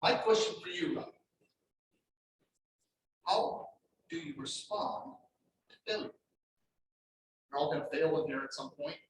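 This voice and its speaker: A man with a fairly high, sing-song voice speaks at a measured pace and pauses often; the recording is rough, with a little hiss or hum. As the table topics master of a speaking club meeting, he casually encourages members to share short stories, repeating words.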